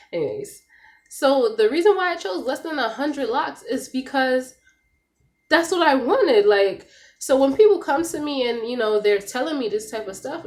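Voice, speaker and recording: Congested young woman chatting casually. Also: a little high. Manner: chatty and candid, says "like" and "y'all" a lot. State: congested from a cold. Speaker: vlogger. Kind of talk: casual talk to camera. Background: music, dog noise.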